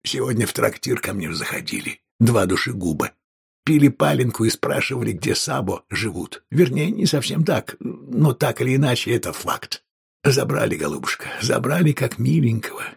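A man voicing a calm, gravelly innkeeper. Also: normal speed, exaggerated voice. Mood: insistent. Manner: calm, insistent, low-key. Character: calm, scheming middle-aged male innkeeper. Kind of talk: audiobook character voice.

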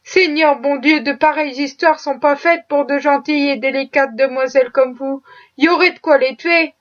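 A woman reading the lines of an excitable household cook who exclaims and frets. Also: sits high, normal speed, muffled recording, close to an everyday voice. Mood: fretful.

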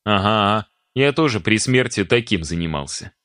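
A man's voice: lowish voice, lively intonation, moderate pace, fairly bright tone, no room sound, clean studio sound. A man voicing a cheeky, whiny young necromancer who jokes and complains with mock indignation. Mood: teasing.

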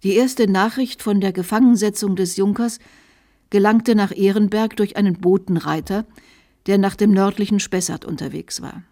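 Woman reading a radio story, calm and expressive, mid pitch. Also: moderate pace. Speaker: narrator. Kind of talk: scripted literary reading for radio.

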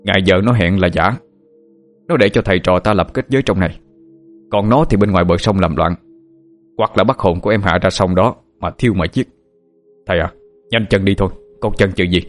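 A man's voice: low-pitched, a little mellow, faint music behind, close to an everyday voice. A man voicing a young male monk disciple who urges his master to hurry. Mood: urgent pleading. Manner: hurried, urging.

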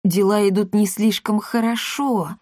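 A woman's voice: mid-range voice, fairly even intonation, measured pace, darkish tone, no room sound, studio quality, lightly acted. A woman voicing an indignant, sleepy male merchant who grumbles and mutters. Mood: grumbling.

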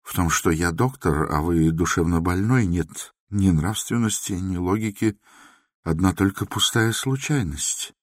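A man voicing a meek, soft-spoken middle-aged doctor in an audiobook, talking quietly and apologetically. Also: low voice, measured pace, no echo, clean studio sound, pitched above the performer's own voice. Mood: apologetic. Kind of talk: audiobook character voice.

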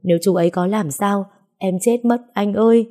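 A woman's voice: mid-range voice, moderate pace, warm tone, close to an everyday voice. A woman voicing a devoted young woman in an audio story who coaxes and pleads. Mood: desperate pleading. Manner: pleading, coaxing.

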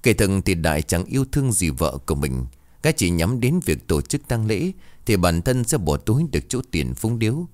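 A man narrating a scripted story in a dramatic, expressive way. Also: sits low, normal speed, dry recording.

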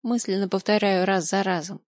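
A woman's voice: medium pitch, moderate pace, a little mellow, dry recording, clean studio sound. A woman narrating an audiobook in the first person, with an emotional, dramatic delivery.

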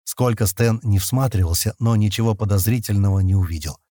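Male audiobook narrator, husky, animated, dry studio. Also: lowish voice, fairly quick, dry recording.

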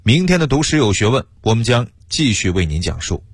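Brief: male radio storyteller, husky voice, dry close studio sound, playful asides. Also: mid-range voice, fairly quick, dry recording. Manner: lively, jokey asides. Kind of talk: storytelling history narration for radio.

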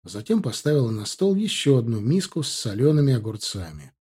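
A man's voice: mid-range voice, big pitch swings, fairly quick, mellow, breathy edge. A man narrating a first-person novel in a wry, conversational storytelling manner. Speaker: audiobook narrator.

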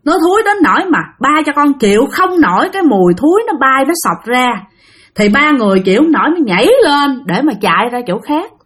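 A woman's voice: sits high, very animated, brisk, fairly bright tone, slightly rough. Woman storyteller, Southern Vietnamese accent, chatty spoken ghost-story narration addressed to listeners.

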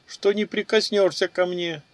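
A man voicing a terrified young woman held captive, shrill and sobbing. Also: steady tone, normal speed, dry recording, lightly acted. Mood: tearful.

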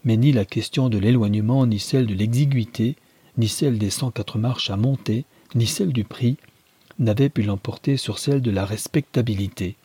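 A man narrates a classic novel in a measured, even reading. His voice is dark and husky, recorded close and dry with no room sound. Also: mid-range voice, no echo. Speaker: audiobook reader. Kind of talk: scripted narration.

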